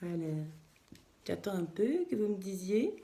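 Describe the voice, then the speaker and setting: A woman's voice: mid-range voice, sing-song, measured pace, mellow. A woman from France teaching sewing at her machine in a live tutorial, chatting casually and thinking aloud with many fillers as she works.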